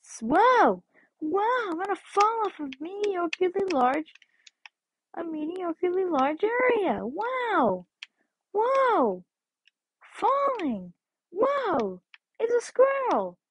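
Goofy male hedgehog hero, put on by a woman: high, lively, exaggerated amazement; playful fan dub. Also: slow, a little hiss or hum, full character voice, poor audio. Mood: silly. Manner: silly, gushing, exaggerated amazement.

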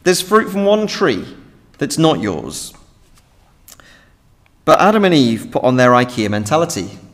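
A young British man delivers a sermon from a lectern, earnest and emphatic. His voice sits fairly high for a man and moves freely up and down, with a long reverb trailing each phrase through the hall. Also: a little slow. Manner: earnest, emphatic, expressive preaching. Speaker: preacher. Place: large church hall with audience. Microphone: standing at a lectern, lectern mic.

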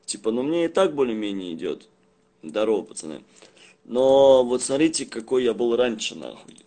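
A young man chatting casually on a livestream in rough, swear-heavy street slang, rambling and halting as he goes. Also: medium pitch, lively intonation, warm tone. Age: young adult. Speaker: live streamer. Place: small indoor room at home. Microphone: phone at arm's length.

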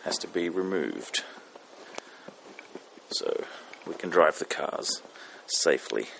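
Man, very deep voice, slow, casual vlog chat, outdoors in snow, halting pauses. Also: animated, gravelly, a bit bright, a little hiss or hum, rough recording. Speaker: vlogger. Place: outdoors in a snowy front yard.

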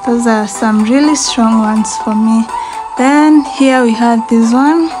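Young Kenyan woman, chatty home-tour vlogger, unhurried, slightly high voice, handheld phone sound, faint music under. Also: steady tone, low-quality recording. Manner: chatty, mixes in Swahili phrases. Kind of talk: house tour vlog. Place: small apartment bathroom and bedsitter, indoors. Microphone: phone camera held in hand.

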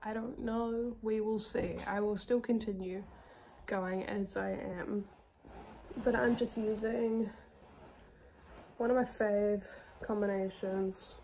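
A young woman with a southern New Zealand accent, chatting casually about her knitting projects, self-deprecating and quick to laugh. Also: medium pitch, darkish tone. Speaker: knitting podcast host.

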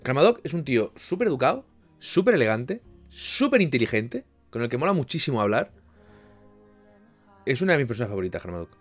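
Chatty Spaniard streaming live. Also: male voice, medium pitch, very animated, fairly quick, pauses often, faint music behind. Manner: chatty, rambling, with frequent restarts and sudden loud bursts. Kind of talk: casual live-stream chat with viewers.

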